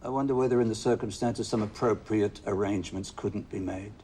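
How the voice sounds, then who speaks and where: Actor as a calm, formal judge. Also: male voice, fairly low pitch, fairly quick, slight background noise, lightly acted. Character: calm, courteous male judge. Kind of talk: film drama acting.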